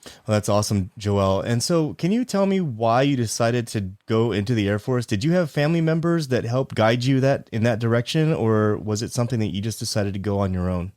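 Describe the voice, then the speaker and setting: A man's voice: mid-range voice, lively intonation, brisk, a little mellow, dry recording. A man in his forties hosting a military veteran podcast, asking interview questions in an earnest, upbeat way. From United States. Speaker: podcast host.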